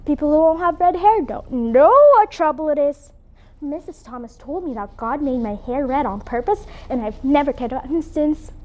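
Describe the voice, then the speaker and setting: Woman doing a dramatic little orphan girl, squeaky high, voice swoops all over, flowery gushing. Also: animated, moderate pace, darkish tone. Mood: earnest. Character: dreamy, dramatic orphan girl, about eleven. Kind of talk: competitive humorous interpretation.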